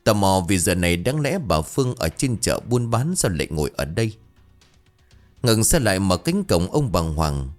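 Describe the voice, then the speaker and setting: A man narrating a ghost story in an expressive, dramatic way. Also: low voice, normal speed, soft background music.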